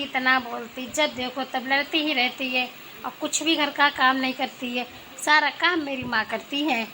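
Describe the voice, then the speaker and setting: A woman's voice: sits high, pushed and bright, a little hiss or hum, full character voice, poor audio. A woman voicing a blunt son-in-law who complains about his wife, in a homemade family skit.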